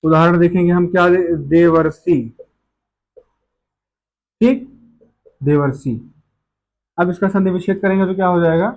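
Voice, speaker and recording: A man's voice: high-pitched, flat delivery, quick pace, hardly any pauses, poor audio. A man teaching a grammar lesson, explaining step by step and answering his own questions.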